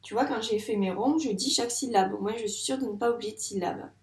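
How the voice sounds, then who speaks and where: A woman's voice: fairly high pitch, darkish tone. A woman teaching a phonics lesson to a young child, speaking patiently and stretching words out syllable by syllable. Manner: patient, slow, drawn-out syllables. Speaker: first-grade teacher. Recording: roomy echo.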